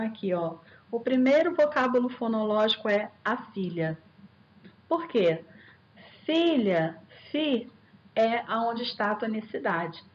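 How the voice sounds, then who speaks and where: A woman teacher records a lesson over slides, walking through each point and repeating rhetorical questions before she answers them. Her voice sits slightly high, and she turns to her viewers as students. The recording has a muffled, lo-fi sound. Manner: addresses viewers directly and warmly as students. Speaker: linguistics teacher.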